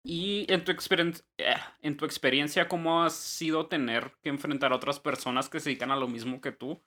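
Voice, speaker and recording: Man, podcast host, casual interview, slangy, bright edgy tone. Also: a little high, brisk. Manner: relaxed, slangy, many short backchannels.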